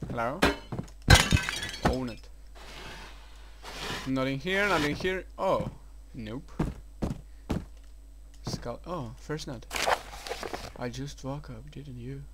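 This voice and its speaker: A man commentating a horror game, mumbling asides to himself and breaking into startled, swearing shouts. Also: mid-range voice, takes it slowly, long pauses, heavy background noise. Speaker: let's play gamer. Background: loud game music.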